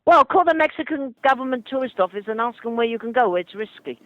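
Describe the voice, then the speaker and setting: Very high-pitched and lively, an older travel agent speaks quickly over the phone with no room sound on a muffled, dry line. He's hesitant and flustered, filling gaps with many fillers.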